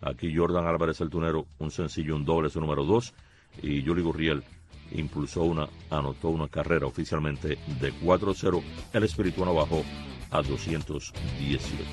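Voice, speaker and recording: A man giving a morning radio show's sports rundown, reading scores and player stats in a brisk, score-by-score delivery. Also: a bass voice, steady tone, faint music behind. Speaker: sports commentator.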